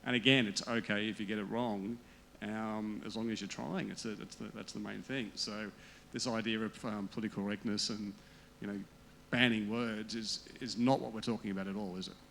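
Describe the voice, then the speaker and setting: A man's voice: on the low side, fairly even intonation, a little fast, gravelly, fairly bright tone, a little hiss or hum, low-quality recording. A man moderating a panel chat, talking conversationally with many ums and uhs. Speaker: panel host.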